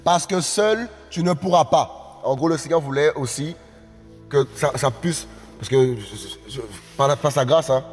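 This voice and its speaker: A man preaching a live-streamed sermon, exclaiming and repeating phrases, often rising into shouted appeals. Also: fairly high pitch, animated, measured pace. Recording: reverberant room with faint music.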